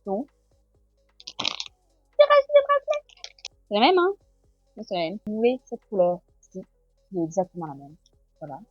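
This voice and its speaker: A woman's voice: mid-range voice, sing-song, brisk, long pauses, a little mellow, husky, dry recording, highs cut off, soft background music. A woman with a French accent in a casual home vlog, chatting as she unboxes gifts. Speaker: vlogger.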